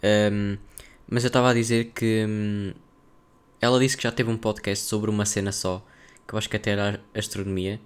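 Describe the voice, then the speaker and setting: Young guy w european portuguese accent, low flat voice, rambly slangy solo podcast chat. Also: moderate pace, smooth. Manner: rambling, slangy, thinking aloud. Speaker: podcast host.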